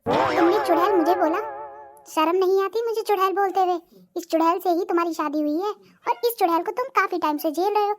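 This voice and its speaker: A voice artist playing a bossy, sharp-tongued middle-aged cartoon wife who nags and threatens. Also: very high-pitched, brisk, soft background music. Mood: nagging. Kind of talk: cartoon voice acting.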